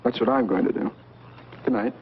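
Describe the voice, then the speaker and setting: An actor playing a dismissive, self-assured young brother in 1940s B-movie style. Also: male voice, mid-range voice, wildly swooping pitch, a little fast, gravelly. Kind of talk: 1940s B-movie film acting. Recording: muffled, noisy vintage film soundtrack.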